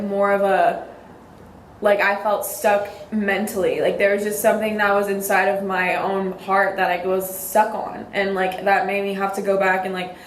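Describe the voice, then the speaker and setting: A woman's voice: medium pitch, roomy sound, a little hiss or hum. A young woman, hosting a podcast in a casual, rambling chat full of "like". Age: young adult. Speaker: podcast host.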